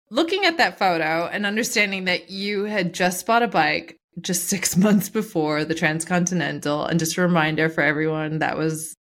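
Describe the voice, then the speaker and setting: A woman's voice: fairly low pitch, fairly bright tone. A woman from Newfoundland with a Canadian accent, hosting a podcast interview in a casual, conversational way. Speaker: podcast host.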